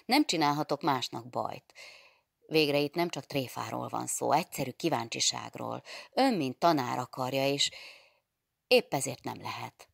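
Okos, huncut fiatal lány egy régi regényből, ahogy egy felolvasó nő megjeleníti: kérlelő, zavart szavait nagyon mély, érdes hang hordozza. A felvétel száraz, közeli. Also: female voice, extremely low pitch, creaky, no room sound, studio quality, full character voice. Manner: pleading, flustered yet clever. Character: composed 22-year-old schoolgirl, clever and sly.

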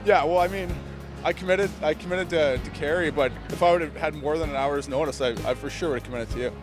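A man's voice: a little high, fast, music in the background. A young man answering questions in a casual street interview outdoors, easygoing and laughing along, speaking into the host's handheld mic. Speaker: interview guest.

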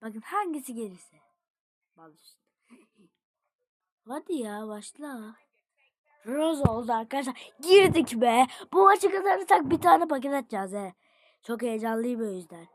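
A woman giving casual gameplay commentary to her viewers, excitable and jumping from low mutters to sudden shouts. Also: a little slow, pauses often, no room sound. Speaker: gaming video creator.

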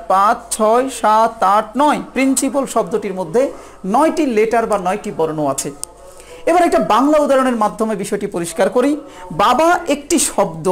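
A woman from Bangladesh, teaching an exam-prep lesson in a patient, methodical way and sounding words out syllable by syllable. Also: fairly high pitch. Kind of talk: recorded video lesson.

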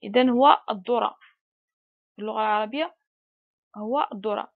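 Woman, French teacher, slow patient lesson, stretched-out syllables, slightly high voice, dull recording. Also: vocal fry. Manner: slow and patient, drawn-out letter sounds, mixes Arabic and French.

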